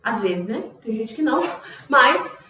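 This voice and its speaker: A young woman with a high voice gives an online English lesson and patiently walks through a rule. She says example words several times, pushing hard on the stressed syllable. Her voice sits a little back from the mic in an echoey room. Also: animated, a little slow, sharp tone, distant mic. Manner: explanatory, repeats example words with exaggerated stress. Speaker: English teacher.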